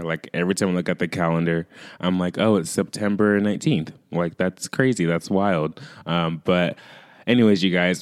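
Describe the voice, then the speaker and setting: A podcast host with a low, smooth voice chats casually on his solo show, heavy on fillers and calling listeners "you guys." He's recovering from a lost voice, so he sounds a bit raspy. The studio-quality recording has no room sound.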